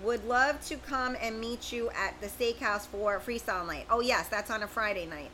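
Chatty and informal, this middle-aged livestream host reads out viewer comments and addresses people directly by name. She speaks at a moderate pace with a slightly high, sharp voice, over a little hiss or hum.

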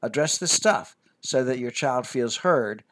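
Measured man giving parenting advice. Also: medium pitch, a little hiss or hum. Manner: measured and expressive, dips to a whisper for emphasis. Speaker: host, family counselor. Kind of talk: scripted parenting talk.

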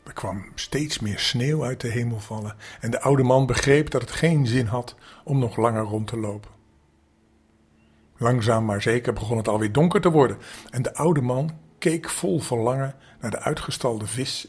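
Older man reading a bedtime story. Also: medium pitch. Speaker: grandfather storyteller.

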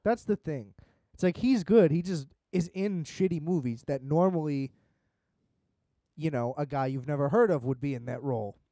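A man chatting casually with friends, animated and swearing, laughing often. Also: on the high side, normal speed, no echo. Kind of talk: casual chat.

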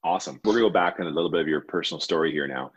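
A man's voice: deep voice, very fast, breathy edge, muffled recording. A man hosting a podcast, asking questions in a friendly, upbeat way. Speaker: podcast host. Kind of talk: interview hosting.

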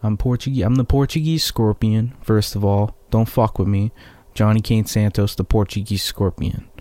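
A man's voice: fairly low pitch, steady tone, normal speed, mellow, no echo. A young American man, a musician, rambling through a profane, sarcastic casual monologue. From United States.

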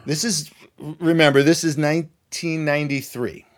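Brief: middle-aged male musician, higher-pitched, animated anecdote teller in casual conversation. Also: normal speed. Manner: animated, laughs often, mimics voices in quotes. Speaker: violinist telling a story. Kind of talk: casual storytelling chat.

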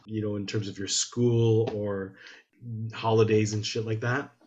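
A man's voice: on the low side, flat delivery, unhurried, a little mellow, dull audio. A man from Canada chatting casually as an interviewer, asking rambling, slangy questions. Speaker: interviewer, host.

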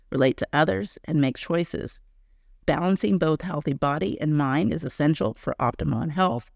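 A woman's voice: deep voice, vocal fry, a little mellow, no room sound, studio quality. A woman hosting an interview, giving introductions and putting questions to her guest. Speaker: interview host.

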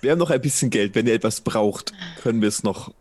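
A man's voice: mid-range voice, quick pace, darkish tone. A man playing a tabletop game, talking through practical matters in a casual, hesitant way.

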